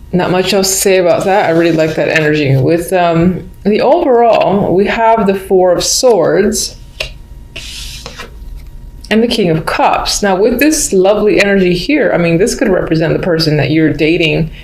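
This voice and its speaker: A woman's voice: fairly low pitch, a little mellow. A woman giving an unscripted mystical tarot horoscope reading, musing and thinking aloud as she addresses the listener. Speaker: tarot reader. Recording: roomy echo, background noise, faint clicks.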